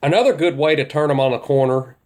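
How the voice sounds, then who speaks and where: A man's voice: on the high side, fast talker, darkish tone. Man teaching, plain-spoken and folksy. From central Kentucky, United States. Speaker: duck hunter teaching calling techniques. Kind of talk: informal instructional talk.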